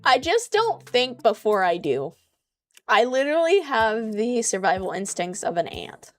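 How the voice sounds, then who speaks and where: A young woman livestreamer talks casually with her chat at an unhurried pace. She rambles and pokes fun at herself, filling pauses with "um" and "like." Soft music plays faintly in the background. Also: fairly high pitch, very animated. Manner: rambling and self-deprecating, many "um" and "like" fillers.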